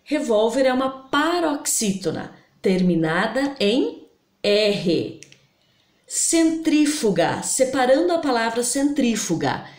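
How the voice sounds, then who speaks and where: A woman teaching a grammar lesson, slowly spelling out example words syllable by syllable. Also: a little high, big pitch swings. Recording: roomy echo.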